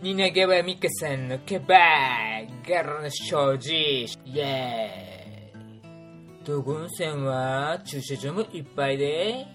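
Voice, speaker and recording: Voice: mid-range voice, expressive, measured pace, hardly any pauses, fairly bright tone, soft background music. A playful storyteller recapping a group trip, full of puns and little sound effects. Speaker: tour organizer recounting a trip. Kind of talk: casual spoken trip recap.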